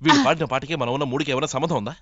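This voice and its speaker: A man's voice: fairly high pitch, very fast, pushed and bright, dry recording. An actor playing a young man who needles his friends by exposing their secrets in a film comedy scene. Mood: needling. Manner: accusing, needling. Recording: lo-fi film audio with music.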